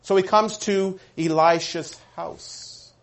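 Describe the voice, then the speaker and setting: A man preaching a sermon, telling a story with animated delivery and acting out the voices of the people in it. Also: high-pitched, slow. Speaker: pastor.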